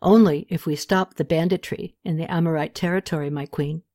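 A woman voicing a soft-spoken, loyal male royal scribe who delivers bad news quietly. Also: lively intonation. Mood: grave. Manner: quiet, low and measured.

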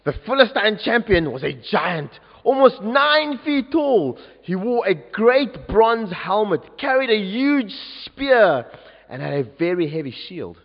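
Lively man leading a story in church. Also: sits high, a little slow. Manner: animated, coaxing audience participation. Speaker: youth leader telling a story at a service. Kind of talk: interactive children's storytelling. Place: large church. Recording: dull echoey church recording.

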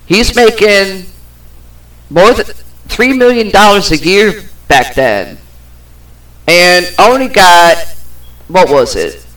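A woman's voice: fairly low pitch, expressive, slow, long pauses, a bit bright, low-quality recording. A woman hosting her own podcast, ranting in a rambling way, swearing now and then and trailing off with fillers. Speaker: podcast host. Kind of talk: personal podcast rant.

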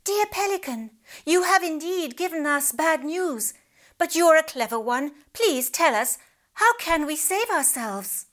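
A woman's voice: high-pitched, animated, measured pace, fairly bright tone, pitched above the performer's own voice. A woman voicing the largest, fattest fish, pleading politely and earnestly.

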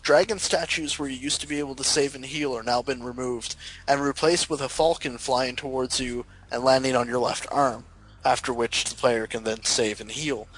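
A man's voice: medium pitch, fairly even intonation, normal speed, a bit bright, husky, poor audio. A man co-hosting a gaming show in casual, banter-style talk, swearing freely as he goes. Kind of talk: casual video game banter.

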